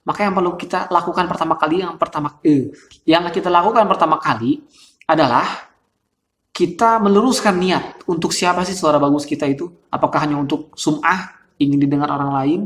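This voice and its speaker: A man's voice: fairly high pitch, brisk, a bit bright. A male host, talking casually and chattily about vocal character with frequent laughs and fillers. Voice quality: describes his voice as thin and reedy. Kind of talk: casual explanatory talk. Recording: roomy echo.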